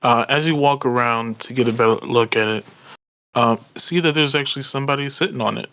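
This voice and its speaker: A man's voice: mid-range voice, fairly quick, bright, forceful tone, muffled recording. A man narrating as game master of a tabletop role-playing game, hesitant with many ums and uhs.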